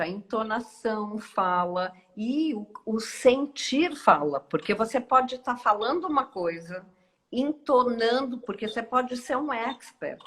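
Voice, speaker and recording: A woman with a Brazilian Portuguese accent, a guest speaker giving a reflective live-stream talk with many pauses and tag questions. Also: on the high side, fairly bright tone, slight background noise. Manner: slow, thoughtful, with frequent pauses and tag questions. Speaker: guest speaker and course teacher.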